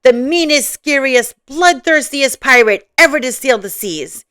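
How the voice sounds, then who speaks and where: Woman voicing a storybook papa bear, boisterous prankster, hammy and booming, raised pitch, bright crisp tone, dry close sound. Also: big pitch swings, moderate pace, dry recording. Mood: blustering. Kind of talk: storybook read-aloud voice.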